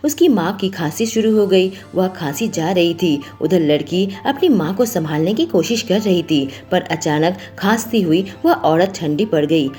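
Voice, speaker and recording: A woman with a low, mellow voice reads a story aloud, taking the narrator's part and every quoted voice herself. She sounds like a storyteller, with faint music under her. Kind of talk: first-person story narration.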